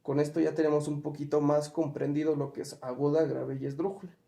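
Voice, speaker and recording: A fairly quick, level-toned man with a voice on the high side, gravelly yet mellow, gives a patient, step-by-step spelling lesson. Questions and worked examples fill his explanation, heard in an echoing room.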